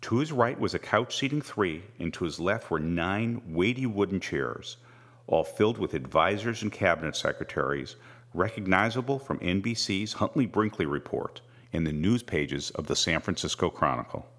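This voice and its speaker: A man reading a first-person novel aloud with measured, wry storytelling. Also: sits low, lively intonation, a bit bright. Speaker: audiobook narrator. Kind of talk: scripted first-person narration.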